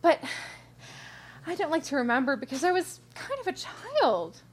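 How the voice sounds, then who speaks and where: A woman's voice: high-pitched, normal speed, pitched above the performer's own voice. A woman voicing a brash, lonely middle-aged woman who talks bluntly and animatedly. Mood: wistful. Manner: animated, blunt, rising and loud.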